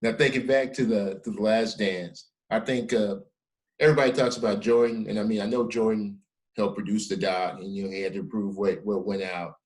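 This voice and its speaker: Low-voiced emphatic middle-aged man. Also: fairly even intonation, brisk, poor audio. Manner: emphatic, peppers speech with "man". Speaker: podcast host. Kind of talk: casual interview chat.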